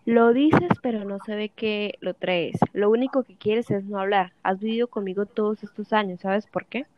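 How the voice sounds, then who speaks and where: A woman's voice: mid-range voice, moderate pace, muffled recording, very noisy, close to an everyday voice. A woman voicing a jealous, bitter wife of fifty who keeps accusing and questioning her husband. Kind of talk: audiobook dialogue reading.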